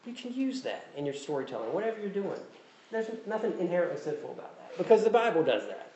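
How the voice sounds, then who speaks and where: Preaching as a pastor, this Southern-accented man has a high, very animated voice with a quick pace and warm tone. His delivery is conversational and self-deprecating, and he returns to key phrases again and again. The highs are cut off, with a little hiss or hum, in an echoey room with faint ambience.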